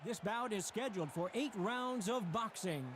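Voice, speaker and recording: A man playing a boxing ring announcer giving slow, formal, drawn-out introductions. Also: high voice, background noise, lightly acted. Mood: ceremonial.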